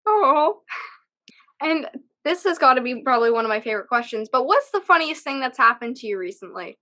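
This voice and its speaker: A woman hosting a casual interview over a video call, chatty and quick to laugh and exclaim. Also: sits high, sing-song, bright, forceful tone. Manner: giggly, chatty, exclaims easily. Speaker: host.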